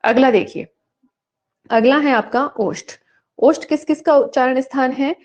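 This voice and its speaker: A woman teaching an online Sanskrit exam-prep class who poses questions and answers them herself, reciting rules slowly. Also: high voice.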